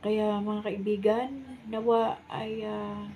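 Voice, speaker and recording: A woman in her sixties giving a heartfelt faith testimony to her viewers, speaking earnestly and politely with frequent pauses and fillers. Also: mid-range voice, completely flat delivery, dark tone, a little hiss or hum, low-quality recording. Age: 60s. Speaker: vlogger sharing testimony.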